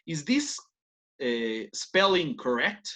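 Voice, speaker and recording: A man's voice: on the high side, big pitch swings, extremely slow, sharp tone. A man from Latin America teaching an English class, explaining grammar step by step and often checking with tag questions. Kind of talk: online class lecture.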